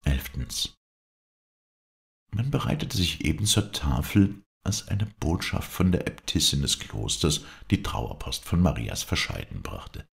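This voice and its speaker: Very deep, gravelly male storyteller. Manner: measured, expressive narration. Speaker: audiobook reader. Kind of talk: reading a classic ghost story aloud.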